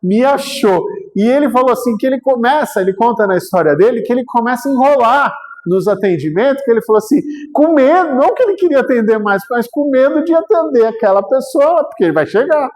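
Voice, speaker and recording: A man with a Brazilian Portuguese accent, a guest speaker telling a story in a spiritual talk. He tells it in a lively way, acts out the quotes and keeps checking in with the listeners. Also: very high voice, fast talker. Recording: long hall reverb.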